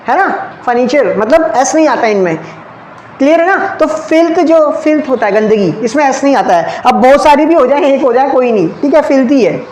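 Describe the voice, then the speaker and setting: A man's voice: very high voice, darkish tone. Echoey male teacher quizzing his class. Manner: asks questions and answers them himself; checks often with "clear?" and "okay". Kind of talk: exam-prep grammar lesson. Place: classroom with ceiling fans. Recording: echoey room, faint background hum.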